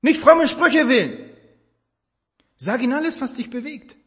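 Male preacher, high-pitched, fervent sermon delivery, long hall reverb. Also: animated, measured pace. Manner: impassioned, swinging between loud emphasis and hushed tenderness.

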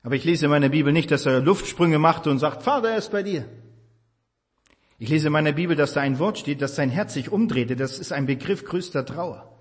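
Male preacher, high-pitched, fervent sermon delivery, long hall reverb. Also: fairly quick. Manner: impassioned, swinging between loud emphasis and hushed tenderness.

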